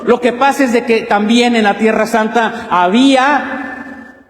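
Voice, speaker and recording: Male Mexican pastor, emphatic sermon delivery, higher voice, long church-hall reverb. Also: a little slow. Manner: emphatic, asks many rhetorical questions.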